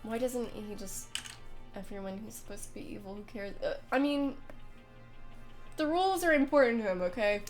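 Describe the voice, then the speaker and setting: A woman's voice: on the high side, normal speed, pauses often, soft background music. A young woman livestreaming a game, reading it aloud and chatting casually, with a congested, nasal voice as if pinching her nose from a cold. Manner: informal, rambling, self-deprecating.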